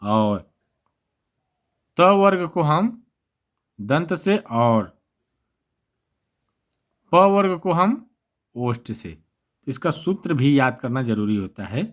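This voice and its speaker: Guy teaching exam grammar, voice a bit on the high side, keeps asking himself questions and answering. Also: sing-song, extremely slow, long pauses. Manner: repetitive, asks and answers his own questions. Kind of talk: exam-prep grammar lesson.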